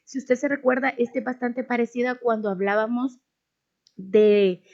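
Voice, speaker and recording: A woman's voice: fairly high pitch, normal speed, vocal fry, darkish tone, lo-fi sound. A woman teaching a language lesson over a video, patiently spelling out letters and sounds one by one.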